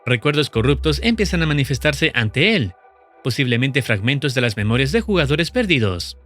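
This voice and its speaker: A man's scripted narration, medium in pitch, steady and measured, lays out the storyline of a horror video series. Faint music plays behind the voice-over.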